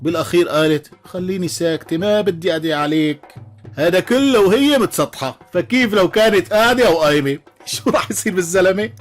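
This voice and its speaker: A man with a Levantine Arabic accent telling a string of jokes, animated, slipping into character voices and chuckling along. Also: high-pitched, fast, faint music behind. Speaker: joke teller. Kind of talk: voiced joke compilation.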